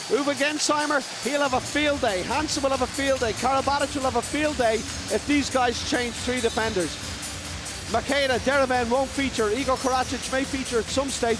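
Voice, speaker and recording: A man giving live handball commentary in short, emphatic, excitable phrases. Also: very high voice. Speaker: sports commentator. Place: large indoor sports arena with crowd.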